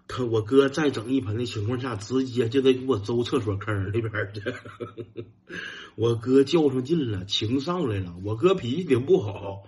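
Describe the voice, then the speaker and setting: A man with a Northeastern Mandarin accent telling a self-mocking stand-up story, acting out his younger self in high, whiny shouts. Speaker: stand-up comedian.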